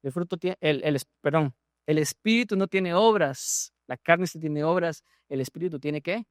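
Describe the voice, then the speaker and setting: A Guatemalan pastor preaches to his congregation, throwing questions at the listeners and doubling back on his words as he goes. His voice sits a little high for a man. The sound is dry and close, with little room echo. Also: normal speed. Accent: Guatemalan Spanish. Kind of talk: sermon. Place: church.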